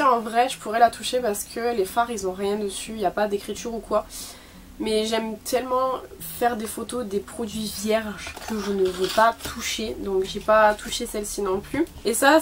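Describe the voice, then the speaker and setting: Chatty young woman beauty vlogger. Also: mid-range voice. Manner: chatty, laughing, many fillers. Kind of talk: casual haul video. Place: her bedroom.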